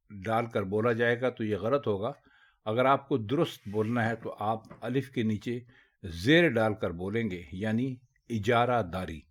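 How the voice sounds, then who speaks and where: A man giving a spoken lesson on Urdu pronunciation. He speaks slowly and carefully, stressing each correct form. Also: lowish voice, slightly rough.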